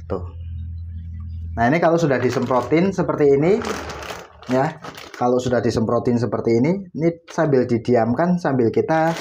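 A man with a medium-pitched, darkish voice hosts a casual laundry demonstration, explaining step by step as he works indoors in his home laundry area. Slight background noise is present.

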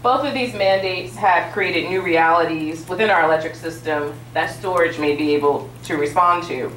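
A woman serving as state utilities commissioner sits on a panel in a large auditorium with an audience, giving formal policy remarks full of small fillers. Her voice is on the low side and a bit bright, at a moderate pace, picked up from afar with roomy hall acoustics and a little hiss or hum.

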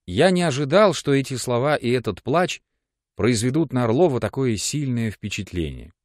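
A man narrating a classic story in the first person for an audiobook, in an expressive reading. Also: mid-range voice, normal speed, dry recording, studio quality.

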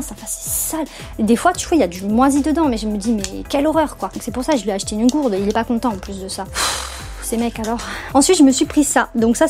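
A woman's voice: a little high, a little mellow. A young woman chatting casually to camera in a haul vlog, frank and self-mocking. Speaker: YouTube haul vlogger.

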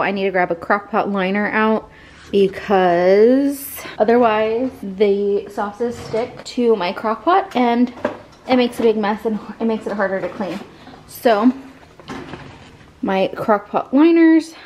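Filming on a handheld phone as she moves between counters, a woman in her forties chats her way through cooking in her home kitchen for a casual vlog. She's relaxed and talkative, frequently restarting and correcting herself mid-sentence, in a mid-range, darkish voice.

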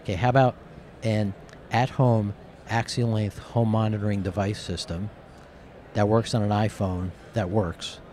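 A middle-aged man from New Jersey speaks low into a handheld mic, his voice hoarse and raspy as if nearly used up. He talks casually and rambles as a colloquial interview guest. Clear background noise surrounds him. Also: fairly even intonation, a little slow, darkish tone. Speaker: interview guest, company executive. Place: curtained booth at a convention. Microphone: handheld microphone held close, with headphones.

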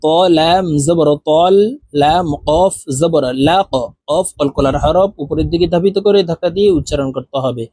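A man teaching Quran reading, spelling out letters one by one and then blending them slowly into whole words. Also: a little high, warm tone, breathy edge, dry recording. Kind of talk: reciting lesson, spelling letters aloud.

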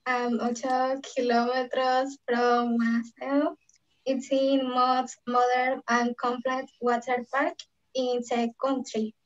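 A young-sounding student, a woman, reads aloud haltingly over a video call. Her voice sits high and flat and comes slowly. The audio is dull and muffled.

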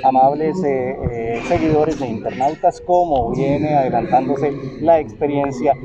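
A man with a Colombian accent giving a formal, improvised news report on location, with drawn-out hesitations. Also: mid-range voice. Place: outdoors at livestock auction yards. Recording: dull lo-fi outdoor sound with crowd noise. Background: crowd noise and distant auctioneers.

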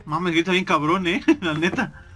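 A man's voice: sits high, normal speed, fairly bright tone, slightly rough, soft background music. A man doing casual, joking gameplay commentary and swearing constantly.

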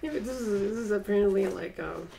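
A woman's voice: medium pitch, quick pace, gravelly, dark tone, far from the mic, slight background noise. A forty-year-old woman vlogging casually from her bedroom, rambling and hesitant with many fillers. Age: 40s. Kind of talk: casual personal vlog. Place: small cluttered bedroom indoors. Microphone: built-in webcam mic at desk distance.

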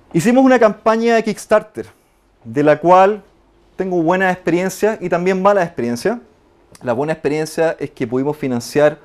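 Animated Chilean man giving a talk. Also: on the high side. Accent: Chilean Spanish. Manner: animated, acts out quoted voices, frequent tag questions. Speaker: conference speaker. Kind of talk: lively conference talk.

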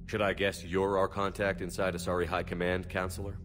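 A man playing a steady, direct, heroic military commander in a video game. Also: low voice, brisk, background noise, close to an everyday voice. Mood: calm, curious. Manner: direct, matter-of-fact.

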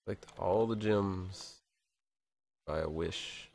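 A man's voice: low voice, takes it slowly, creaky, a little mellow. A man casually commenting while playing a retro video game, muttering reactions and swearing now and then. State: has the hiccups. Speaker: let's play gamer.

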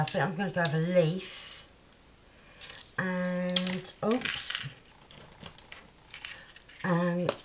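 Cockney woman, low voice, slow unhurried talk, crafting at home, dull lo-fi recording with loud clicks. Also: noisy background. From London. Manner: chatty, thinks aloud while working. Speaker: craft vlogger. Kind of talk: casual crafting tutorial.

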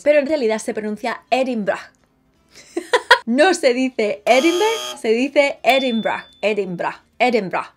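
A young woman, talking lively and chatty to camera in a casual vlog, recorded close up in a small bright room. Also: a little high. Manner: lively, chatty, gestures a lot with her hands. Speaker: vlogger.

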